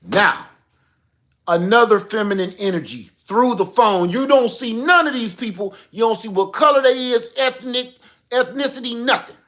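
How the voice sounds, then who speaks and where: A man hosting a livestream, telling an emphatic, animated story and repeating his points. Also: very high voice, normal speed. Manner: animated storyteller, acts out phone calls. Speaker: livestream host. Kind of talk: casual livestream monologue.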